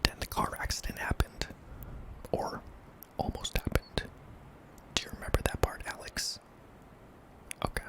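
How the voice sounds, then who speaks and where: A man narrating a scary story in a hushed, breathy ASMR whisper, deliberate and broken into short phrases. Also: rough recording. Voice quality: breathy, mostly unvoiced whisper with some creak.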